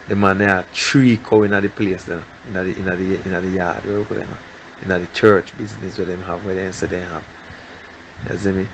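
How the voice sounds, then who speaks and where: A man's voice: a bit bright, a little hiss or hum, poor audio. A man with a Jamaican accent, heard as a recorded voice message being played back, giving an informal witness account and often calling the listener brother. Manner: low-key, repetitive, keeps addressing the listener as brother.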